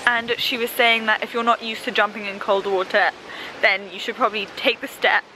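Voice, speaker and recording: A woman's voice: a little high, flat delivery, fairly quick. A woman in her twenties chatting casually to her vlog camera in a nervous, hesitant way. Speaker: vlogger. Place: in a car and on an outdoor path. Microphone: camera at arm's length. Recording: noisy camera audio, car and wind.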